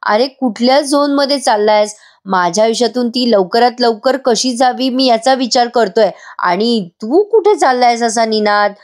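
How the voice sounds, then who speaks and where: A woman's voice: a little high, normal speed, natural voice. A woman reading the lines of a worried male teacher who feels guilty and defensive, in her own storytelling voice. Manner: read out plainly in a storytelling voice.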